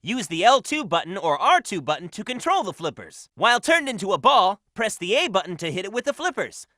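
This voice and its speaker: A man voicing a cocky, upbeat young hedgehog hero in a video game, brash, energetic and confident. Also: high-pitched, a little fast, no echo, clean studio sound, full character voice. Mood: explaining.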